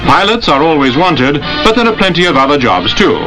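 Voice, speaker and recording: A man's voice: on the high side, very animated, fairly quick. A man narrating an old newsreel in a formal announcer delivery. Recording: narration over loud music.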